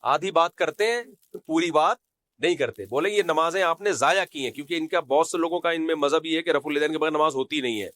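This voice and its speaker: A man's voice: fairly high pitch, a bit bright, dry recording. A man who is an Islamic scholar giving a religious lecture, scolding and sarcastic, who recites Arabic quotations and mimics the people he criticizes.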